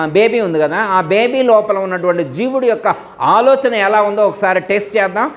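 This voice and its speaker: A man giving a spiritual discourse, asking his listeners question after question and acting out the dialogue of the story. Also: high-pitched. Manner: asks listeners rhetorical questions, acts out dialogue. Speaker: spiritual teacher. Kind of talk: Telugu religious discourse.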